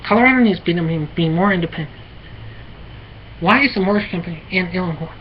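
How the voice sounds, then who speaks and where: An American woman talking alone in a halting, repetitive, rambling way, with many fillers and restarts. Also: lowish voice. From United States. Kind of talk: rambling solo monologue. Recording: muffled lo-fi with faint noise.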